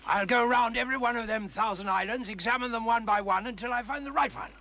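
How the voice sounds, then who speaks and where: Gruff old sailor guy, stubborn and pompous, forceful sharp voice, period tv drama, bit of noise behind. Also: very high voice, fast talker, full character voice. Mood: blustering pride. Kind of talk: television period drama acting.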